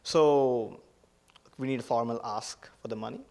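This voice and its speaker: Eager young male student pitching. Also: vocal fry, warm tone. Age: young adult. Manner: quick, filler-heavy, eager explaining. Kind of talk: startup pitch.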